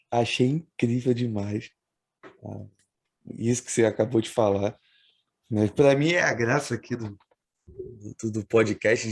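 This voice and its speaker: A podcast host, a man with a gravelly, fry-edged voice. He sounds dry and close, with no room around him. He muses thoughtfully and speeds up when pressing a point. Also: lowish voice, darkish tone, no echo. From Brazil. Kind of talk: casual interview talk.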